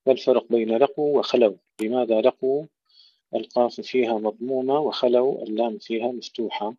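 Guy reciting slow and melodic then explaining tajweed quick, mellow voice, dry lo-fi sound. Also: mid-range voice, fairly even intonation, no room sound. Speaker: Quran recitation teacher. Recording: dull lo-fi dry recording.

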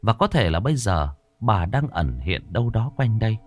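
A man narrating a horror story in a dramatic, expressive way. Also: lowish voice, moderate pace.

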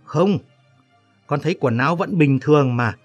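Worried young guy calling out loud, high and strained, man reading. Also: lively intonation, moderate pace, soft background music. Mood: urgent. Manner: calls out loudly.

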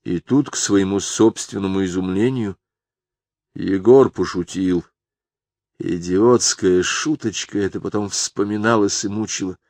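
Slow, low-voiced man reading a novel. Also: darkish tone, dry recording. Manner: measured, unhurried storytelling. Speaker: audiobook reader. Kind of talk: scripted literary narration.

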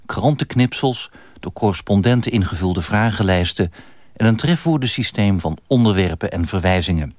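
A man giving measured, scripted narration for a radio documentary. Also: on the low side, darkish tone, dry recording.

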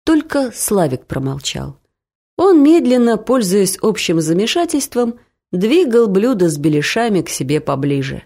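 A woman reading a comic story aloud in an expressive, animated narration. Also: medium pitch, normal speed. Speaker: audiobook reader.

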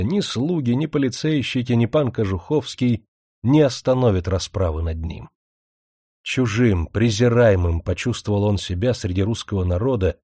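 A man narrating a novel as an audiobook in a measured, serious reading. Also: mid-range voice, dark tone, dry recording, clean studio sound.

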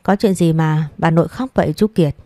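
Woman narrator voicing an earnest young woman, kind, mellow tone, dry audiobook sound. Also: low-pitched, a little fast, no room sound. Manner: earnest, pleading. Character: young woman, kind granddaughter just back from study.

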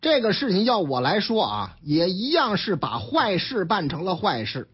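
A man's voice: sits high, wildly swooping pitch, moderate pace. A man with a Beijing accent giving colloquial storytelling-style news commentary on the radio. He acts out the characters in the stories he tells. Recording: dull lo-fi radio sound.

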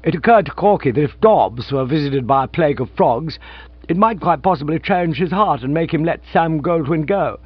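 A man reading the part of a flustered, rambling young gentleman who talks in excitable, breathless bursts. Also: fairly high pitch, normal speed, slightly rough, dry recording, pitched above the performer's own voice. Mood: eager explaining. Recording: dull lo-fi recording.

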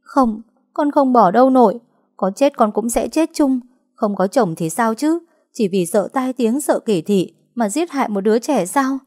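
A woman's voice: fairly high pitch, expressive, normal speed, dark tone, no echo, clean studio sound, pitched above the performer's own voice. A woman voicing a young pregnant village girl who pleads tearfully with her grandmother. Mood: pleading.

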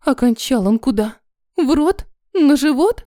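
A brash, bossy young girlfriend, as a woman reader puts her on, talking crudely and giving orders. The voice sits fairly high, with a mellow tone in a dry, close recording. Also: expressive, unhurried, no echo. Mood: nosy. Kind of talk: audiobook character voice.

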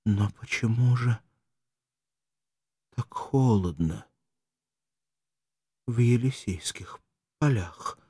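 A man reading an audiobook, voicing a dying wounded warrior who speaks in a weak, faltering, breathy voice. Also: medium pitch, very slow, pauses often, darkish tone, no echo, clean studio sound, full character voice. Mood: faint tender.

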